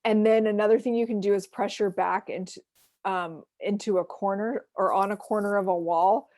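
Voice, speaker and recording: A woman presenting an online self-care workshop, explaining grounding techniques gently with frequent fillers, heard over a video call. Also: medium pitch, fairly even intonation, normal speed, dry recording, studio quality.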